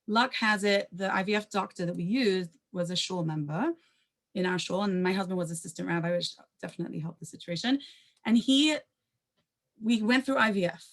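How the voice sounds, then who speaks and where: Animated woman telling a personal story. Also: medium pitch. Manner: animated, conversational, peppered with Hebrew terms; quick asides and self-corrections. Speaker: panelist sharing a personal story. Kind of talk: personal storytelling at a panel talk.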